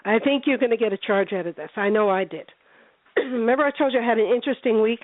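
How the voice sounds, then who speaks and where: A woman's voice: fairly high pitch, quick pace, no room sound. A woman from New Jersey chatting and telling stories emphatically as a guest, repeating phrases for effect. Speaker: guest paranormal investigator. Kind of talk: casual storytelling chat. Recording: dry, tinny phone line.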